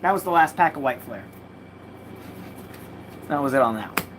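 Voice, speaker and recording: A woman's voice: a bass voice, lively intonation, moderate pace. A woman chatting casually on a livestream while opening trading card packs, rambling, slangy and swearing freely, from a home room with a mattress propped against the wall. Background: faint noise of a party next door.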